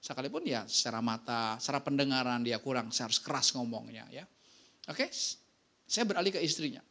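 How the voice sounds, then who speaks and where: A pastor preaching a casual, lively sermon, telling stories and often checking in with the congregation. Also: male voice, medium pitch, brisk, gravelly. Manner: casual, slangy preaching with anecdotes.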